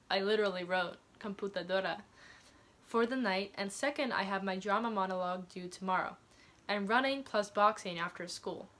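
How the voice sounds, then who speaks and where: A twenty-year-old Thai woman with a medium-pitched, fairly bright voice chats casually as a vlogger and reads from her teenage diary, sounding embarrassed and self-mocking while tossing in theatrical asides.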